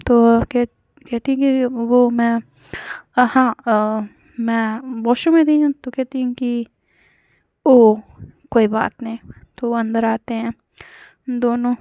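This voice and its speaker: A woman's voice: on the high side, steady tone, slow, dry recording. A woman casually retelling a romance story in a hesitant, conversational way with many fillers. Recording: dull lo-fi recording.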